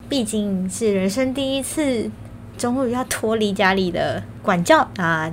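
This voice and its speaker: A young woman speaks Taiwanese Mandarin at a middling pitch, in a casual, chatty storytelling style. Her consonants are a little muddled, as she talks with braces on. Some steady noise sits clearly behind her voice. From Kaohsiung, Taiwan. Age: young adult. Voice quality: slightly slurred articulation from braces. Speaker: vlogger.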